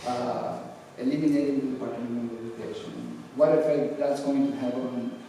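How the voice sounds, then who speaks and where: A middle-aged man from Guatemala, speaking to a congregation and answering an audience question in a measured, thoughtful way with frequent hesitations. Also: medium pitch, fairly even intonation, gravelly, warm tone, a little hiss or hum. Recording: echoey hall, voice from far off.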